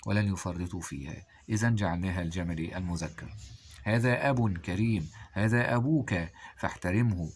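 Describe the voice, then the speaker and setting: A male teacher with an Egyptian Arabic accent, walking through exam answers and prompting listeners with quick questions. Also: low-pitched, darkish tone, slight background noise. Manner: quizzing listeners with rhetorical questions. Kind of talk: exam review lesson.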